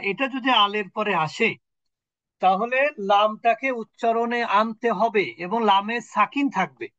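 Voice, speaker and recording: A man leads an online Arabic lesson, pausing often to quiz his students. His voice sits high, and the call audio is dull and dry, with no room sound. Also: fairly bright tone, dry recording. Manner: patient, quizzes students with questions. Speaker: Arabic teacher. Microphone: video call.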